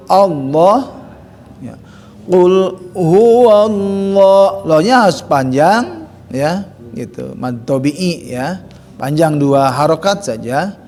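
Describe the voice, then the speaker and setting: A man's voice: on the high side, gravelly. A man teaching Quran recitation, drilling letter sounds in chanted syllables. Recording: long hall reverb.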